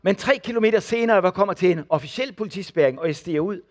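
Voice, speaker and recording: An older man preaching, telling testimony stories and acting out the people in them. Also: high voice. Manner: animated storyteller acting out the people in his stories. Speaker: preacher and former missionary. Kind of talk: sermon testimony.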